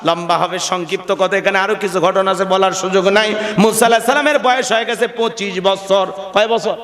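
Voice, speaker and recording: A high-voiced male preacher delivers a dramatic sermon, slipping into the voices of the people in his stories. He keeps turning to the crowd for responses. The sound rings with echo and a long trailing reverb. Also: fairly even intonation, brisk, a bit bright. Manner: dramatic, acts out characters in his storytelling; addresses the crowd directly and asks for responses. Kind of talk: Bengali waz sermon storytelling. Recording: echoey venue with long reverb.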